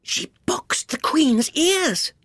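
A man voicing an anxious, timid storybook rabbit who speaks in a hushed, frightened manner. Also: very high voice, animated, very slow, no echo, studio quality, pitched above the performer's own voice, full character voice.

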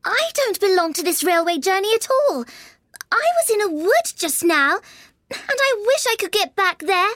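A prim young storybook girl, played by a man, curious and a little impatient. The voice sits extremely high, shifted far up, with a close, dry sound. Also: sing-song, normal speed, a bit bright, dry recording, full character voice.

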